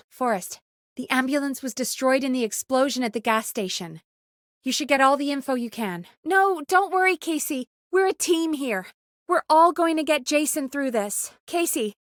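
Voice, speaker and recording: A young woman voices a radio producer in a video game, her high voice captured close and dry with no room sound. Earnest and capable yet anxious, she talks naturally, slipping in small hesitant asides, and comes across as worried and focused.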